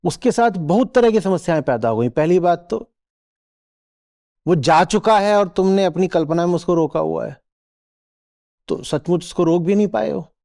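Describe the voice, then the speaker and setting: Male spiritual teacher, higher voice, swinging intonation, rhetorical and questioning. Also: lively intonation, normal speed, gravelly, long pauses, mellow. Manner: rhetorical questions, checks listeners follow; acts out little quoted voices. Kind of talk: spiritual discourse to a live audience.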